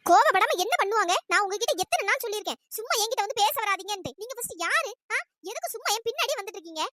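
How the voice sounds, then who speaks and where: A shrill, fiery cartoon college girl. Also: expressive, bright, forceful tone, full character voice. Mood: annoyed scolding. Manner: scolding, exasperated, rapid-fire complaints. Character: fiery young female college student. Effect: pitch-raised voice. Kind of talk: cartoon voice acting.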